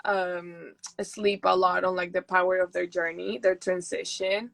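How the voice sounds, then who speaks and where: A woman's voice: lowish voice, fairly even intonation, unhurried, vocal fry, fairly bright tone, no room sound, rough recording. Peruvian woman chatting as a guest. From Peru. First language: Spanish. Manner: chatty, laughs often. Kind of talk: casual interview chat. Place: houseboat.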